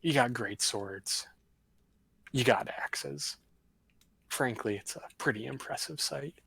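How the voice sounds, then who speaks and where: A man's voice: medium pitch, slow pace, vocal fry, a bit bright, breathy edge, no room sound, poor audio. A man narrating a tabletop game as game master on a livestream, in a loose, rambling style. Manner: casual, rambling narration with fillers.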